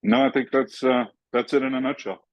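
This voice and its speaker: A man in a public committee meeting on a video call, making careful, deliberate arguments. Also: mid-range voice, fairly even intonation. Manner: measured, deliberate, speaks in careful full arguments. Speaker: committee member.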